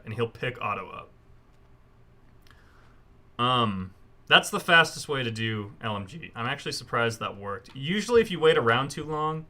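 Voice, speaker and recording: A man with a mid-pitched, bright and forward voice gives casual commentary for a gameplay tutorial. He explains each step informally, as a speedrunner showing others the route.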